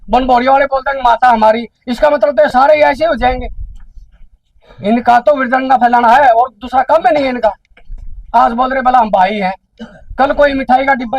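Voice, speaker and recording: A man's voice: very high-pitched, no room sound, lo-fi sound. A man with a Haryanvi accent addressing a village council meeting, indignant and full of repeated rhetorical questions.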